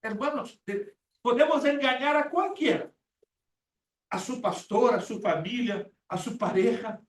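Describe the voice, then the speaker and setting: A man's voice: very high voice, a little slow. Emphatic older man preaching, echoey room. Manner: emphatic, repeats words, acts out quoted prayers. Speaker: Bible teacher. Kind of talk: sermon-style Bible class. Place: church classroom. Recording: echoey room from far off with faint hiss.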